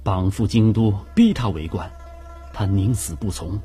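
A man's voice: on the low side, unhurried, mellow, soft background music, lightly acted. An actor playing a mild-mannered middle-aged prison clerk and father from Nanchang, talking politely and easily. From Nanchang, China. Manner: polite, easygoing. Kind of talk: radio drama acting.

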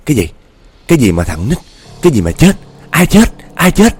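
A man's voice: mid-range voice, normal speed, darkish tone, close to an everyday voice. A man playing a startled young husband, talking in an urgent, stammering way. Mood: shocked.

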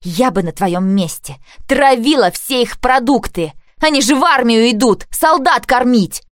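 A woman's voice: medium pitch, moderate pace, darkish tone, no room sound, clean studio sound, lightly acted. A woman voicing an older teenage girl from a labor camp, bitter and snapping, in an audiobook.

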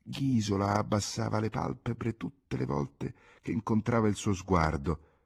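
A man narrating a classic novel as an audiobook reader, in an expressive, dramatic reading style. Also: fairly low pitch, unhurried, gravelly, slightly rough.

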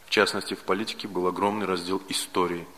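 Man, lecturer, russian accent, bright voice, lowish pitch, long hall reverb. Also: flat delivery. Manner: measured, enumerating points with repetitions. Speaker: lecturer on Vedic philosophy. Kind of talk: spoken lecture.

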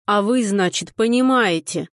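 Женщина-чтец озвучивает грубоватого деревенского мужика, говорит медленно и с нажимом, будто рычит. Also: female voice, mid-range voice, a little slow, no room sound, clean studio sound, close to an everyday voice. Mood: gruff. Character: gruff rural man, grumpy and blunt.

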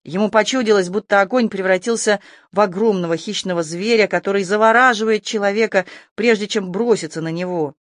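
An audiobook narrator reading a tense adventure story with steady, scripted delivery. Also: mid-range voice, a little fast, no echo, studio quality.

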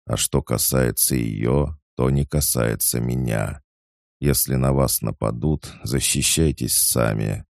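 Ailing, menacing male king, voiced by a man; an extremely low, gravelly voice, recorded close and dry. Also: takes it slowly, a little mellow, no room sound, heavily acted. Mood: stern. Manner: commanding, threatening. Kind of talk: audiobook reading.

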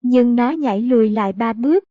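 A woman reading a martial-arts novel aloud as narrator, in a steady, even way. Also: on the high side, fairly quick, dry recording. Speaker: audiobook narrator. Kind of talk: scripted storybook narration. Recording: dull, dry audiobook recording.

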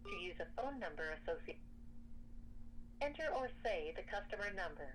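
A woman delivers scripted phone menu prompts at a medium pitch. Her manner is measured and formal, like an automated attendant giving options. The telephone recording carries some faint noise. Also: expressive, fairly bright tone. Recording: noisy telephone line recording.

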